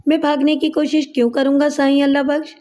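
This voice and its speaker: A woman's voice: high-pitched, little pitch movement, dark tone, lightly acted. A woman voicing a bewildered young man who pleads tearfully and desperately that he is innocent. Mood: pleading.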